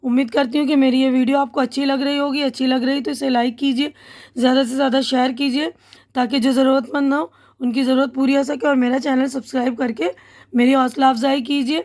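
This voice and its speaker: A woman's voice: high-pitched, level tone, a little mellow. A woman teacher with an Indian Urdu accent, patiently explaining a school lesson to children and correcting her own slips. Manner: patient, repeats and corrects herself.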